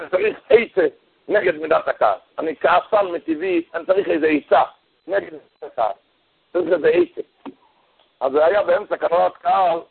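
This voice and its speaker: A man giving a storytelling sermon, animated, his voice leaping high whenever he acts out the people in his story. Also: creaky, slightly rough. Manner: animated storytelling, voice jumping high for quoted characters. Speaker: rabbi giving a Torah talk. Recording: tinny phone-like radio broadcast.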